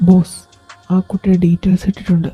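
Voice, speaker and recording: A woman's voice: on the low side, monotone, fast, warm tone, husky, faint music behind. A woman voicing a dutiful male henchman reporting to his boss in an amateur audio drama, rambling and deferential. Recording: dull lo-fi recording.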